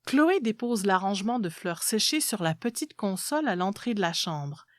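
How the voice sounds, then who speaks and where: Woman, story narrator, scripted literary reading, mid-range pitch, dry recording. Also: sing-song, normal speed, no echo.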